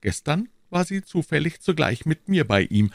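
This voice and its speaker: Brief: male narrator doing a refined young musketeer, high and coy, lively and dry. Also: normal speed, vocal fry, no echo, exaggerated voice. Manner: high, strained, coy delivery. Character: refined, evasive young musketeer, former seminarian.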